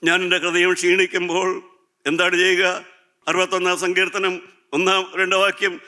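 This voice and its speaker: Guy preaching a sermon, really bright crisp voice, keeps repeating lines and asking the crowd questions. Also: high voice, monotone, a little fast. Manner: repeats phrases and fires rhetorical questions at the congregation; addresses listeners as God's children.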